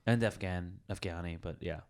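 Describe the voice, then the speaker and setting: A young podcast host tells stories in casual chat, animated and laughing a lot. He has a deep voice and speaks at a normal speed.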